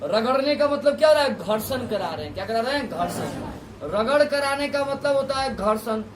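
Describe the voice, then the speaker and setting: Guy teaching physics to a class, keeps repeating stuff and asking questions, high voice, sounds kinda far off. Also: lively intonation, fairly quick, background noise. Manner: repeats key terms, asks students questions. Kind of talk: classroom lesson. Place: classroom with students. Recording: echoey room, voice from a distance.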